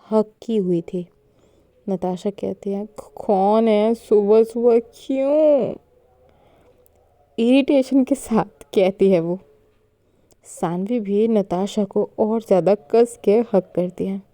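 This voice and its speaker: A woman telling a romance story in a relaxed, casual way, sprinkling in English words. Her voice is very dark and mellow, and she takes her time, with a dry, close sound. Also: medium pitch, slow pace, no echo. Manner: mixes English words into narration.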